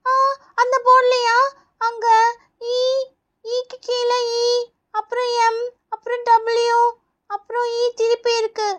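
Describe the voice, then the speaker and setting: A woman voicing a frightened, whiny little schoolgirl in a doll play, wailing high. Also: monotone, takes it slowly, pauses often, fairly bright tone, heavily acted. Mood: careful.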